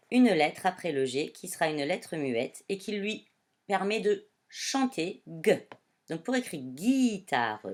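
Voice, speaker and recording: A woman primary school teacher giving a reading lesson to young children, speaking slowly and clearly as she addresses them. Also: sits low.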